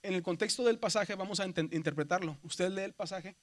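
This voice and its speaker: A middle-aged man lectures a seminary class, his voice sitting fairly high. He explains step by step and keeps asking the room whether they follow. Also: fairly quick. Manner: explains patiently, often checks understanding with "verdad". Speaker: seminary Greek teacher.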